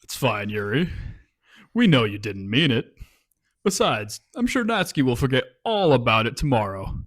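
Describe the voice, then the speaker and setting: A man's voice: mid-range voice, very animated, normal speed, fairly bright tone. Man reading as a breezy club president girl. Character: confident young woman, club president. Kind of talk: reading a visual novel aloud with friends.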